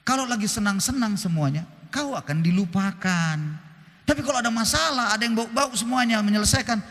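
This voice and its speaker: An old mother, firm and earnest, as her son the preacher puts her on, lowers her voice a little to give stern advice. Her words ring through a church hall with a long reverb. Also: a little fast, a bit bright. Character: elderly mother advising her eldest son.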